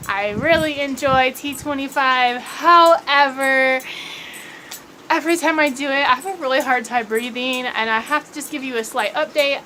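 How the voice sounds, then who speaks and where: A woman with a high voice talks casually to her viewers, wandering off topic and circling back with plenty of fillers. She records at home with the windows open, so wind and noise sit clearly behind her voice. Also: bright, forceful tone, poor audio. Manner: rambling, chatty, many fillers and restarts. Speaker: vlogger. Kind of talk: casual chat to camera. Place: home room with windows open on a windy day.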